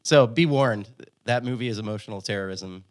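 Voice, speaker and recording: A man's voice: on the low side, fairly quick, slight background noise. A man guesting on a podcast, telling stories in a wry, self-deprecating way. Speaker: band member guest. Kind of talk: casual chat.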